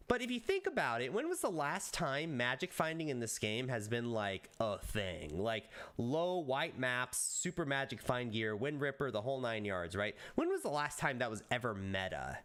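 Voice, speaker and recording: Animated, rambling streamer man. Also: medium pitch. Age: late 20s. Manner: rambling, animated storytelling with frequent swearing. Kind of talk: casual live-stream chat.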